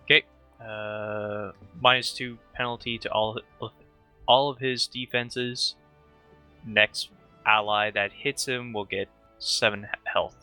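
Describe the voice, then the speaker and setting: A man plays a tabletop game, talking casually through his turn. His voice is a bit low in pitch, with a very bright, forceful edge. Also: steady tone, slow pace, clear, resonant tone, faint music behind.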